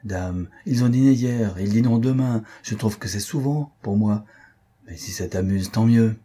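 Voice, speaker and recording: Tart old dowager countess, read by a man, dismissive, husky, dark-toned. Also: on the low side, normal speed. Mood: weary. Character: stern old dowager countess, sharp-tongued.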